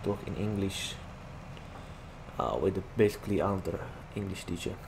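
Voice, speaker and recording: This young gaming YouTuber, Slovak-accented with a slightly low voice, rambles chattily over his gameplay at normal speed, filling gaps with "like." Clear engine and vehicle noise from the game runs under his desk-mic recording.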